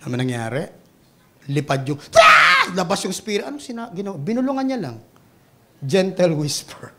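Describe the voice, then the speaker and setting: A Filipino man preaching a sermon with big swings between loud exclamations and hushed asides. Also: high-pitched, sing-song, brisk, heavy background noise. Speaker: pastor.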